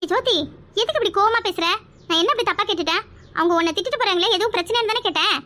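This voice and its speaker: A high-voiced performer playing a loyal, righteous young woman who speaks earnestly and firmly. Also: rapid-fire, pushed and bright. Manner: earnest, then stern.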